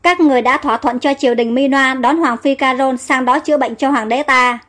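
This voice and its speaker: A woman's voice: sits high, fairly even intonation, a little fast, fairly bright tone, soft background music. A woman voicing a male general leading a kidnapping raid, giving clipped orders. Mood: grim. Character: foreign male general, urgent and determined.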